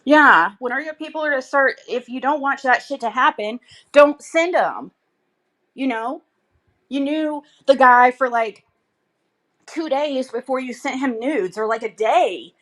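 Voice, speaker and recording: A woman's voice: high-pitched, expressive, unhurried, a bit bright. A woman chatting casually and bluntly to viewers on a livestream, rambling in a gossipy, sweary way.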